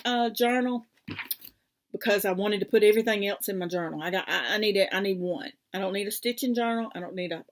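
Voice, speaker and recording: A woman's voice: mid-range voice, slight background noise. A woman hosting a casual crafting vlog, rambling and easily sidetracked, with many fillers. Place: home craft room.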